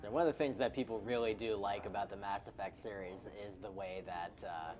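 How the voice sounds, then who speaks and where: A man's voice: lowish voice, steady tone, a little fast, crowd noise. A man giving casual commentary on a game run, chatty and explaining with plenty of fillers. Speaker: marathon commentator.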